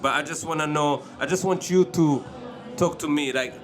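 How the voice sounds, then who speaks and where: Male host, a bit high, casual and halting in his interview questions. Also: crowd noise. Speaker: podcast host. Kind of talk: podcast interview.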